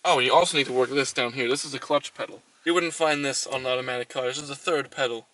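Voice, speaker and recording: Bright-voiced man giving a mock tutorial. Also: mid-range voice, quick pace, recorded from a distance, poor audio. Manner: deadpan mock-instructional. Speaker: host. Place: inside a car.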